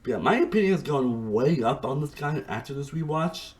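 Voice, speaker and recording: A man giving a casual, rambling review monologue, excitable, with frequent restarts and swearing. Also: medium pitch, brisk, rough recording. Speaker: reality TV reviewer.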